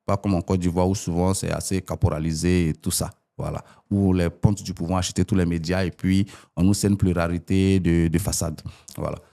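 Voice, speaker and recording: A man's voice: a little fast, vocal fry. A man in his forties from Ivory Coast, a politician arguing his points as a guest in an interview. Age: 40s. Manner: animated, rising pitch when arguing.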